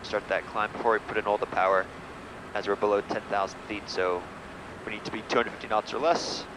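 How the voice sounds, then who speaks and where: A man flying as pilot, speaking through a cockpit headset mic and giving brisk procedural checklist callouts and radio calls. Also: lowish voice, steady tone. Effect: pilot talking over a cockpit headset mic. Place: small jet cockpit in flight. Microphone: aviation headset. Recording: loud engine noise in cockpit.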